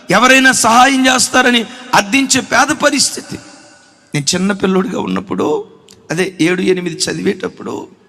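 A pastor preaching an impassioned sermon with shouted peaks. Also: male voice, high-pitched, vocal fry. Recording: echoey hall.

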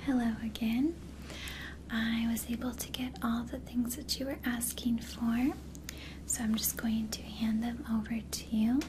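A young woman playing an attentive, gentle flight attendant in a soft, soothing whispered role-play. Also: on the high side, flat delivery, measured pace, background noise, close to an everyday voice. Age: young adult. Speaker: ASMR performer.

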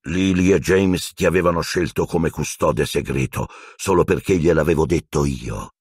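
A man's voice: extremely low pitch, a little mellow, breathy edge, dry recording, clean studio sound, full character voice. A man voicing a bitter escaped prisoner wizard who speaks in a cold, growling, venomous way. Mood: furious. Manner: cold, accusing, slow menace.

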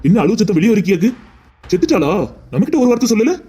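A man's voice: high voice, very animated, racing, mellow, faint music behind. A man voicing a stern police officer who asks curt questions in a cartoon drama. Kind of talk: Tamil cartoon voice acting.

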